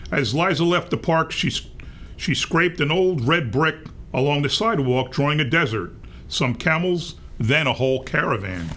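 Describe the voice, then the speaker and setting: Bright-voiced man reading to young kids. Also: a little high, moderate pace, slight background noise. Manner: expressive read-aloud for little kids. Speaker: storybook reader. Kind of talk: reading a picture book aloud to young children.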